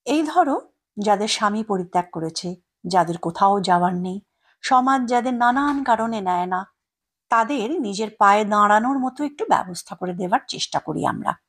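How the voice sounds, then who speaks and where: A woman voicing a gentle elderly woman, a retired schoolteacher, who speaks softly, slowly and humbly. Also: mid-range voice, expressive, slightly rough. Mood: earnest.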